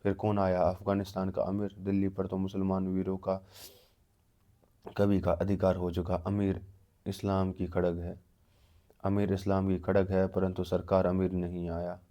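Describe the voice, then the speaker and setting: A man reading aloud the excited questions of a boastful male cleric. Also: low voice, normal speed, natural voice. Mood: eager.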